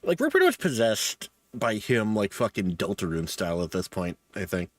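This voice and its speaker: A man's voice: fairly low pitch, huge pitch swings, moderate pace. A man hosting a let's play, casually commenting with sweary, wry asides and reading game text aloud.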